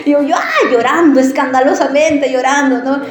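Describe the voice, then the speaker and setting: A woman preacher giving a sermon in a church, telling a personal story in an animated, conversational way and often asking the listeners questions. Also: high-pitched, moderate pace, heavy reverb, a crowd in the background.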